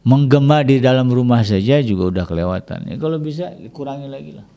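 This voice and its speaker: Man, gravelly, dark tone, chatty family advice talk. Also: medium pitch, fast talker. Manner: chatty, peppers speech with "ya", acts out quoted complaints in a raised voice. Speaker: Islamic family speaker. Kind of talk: casual religious advice talk.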